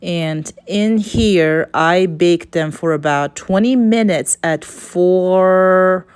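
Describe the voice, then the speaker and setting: Speaking very slowly in a low, slightly mellow and smooth voice, a Kazakh-accented woman from Kazakhstan narrates her recipe as a home cook. It's an unscripted, casual voice-over, and she hesitates, often halting and starting over.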